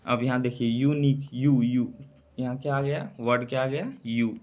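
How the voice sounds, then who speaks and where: Man, grammar teacher, asks and answers own questions, spells words slowly, medium pitch. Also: a little mellow. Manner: asks the class questions and answers them himself. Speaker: exam prep teacher. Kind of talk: explaining English grammar in Hindi to students.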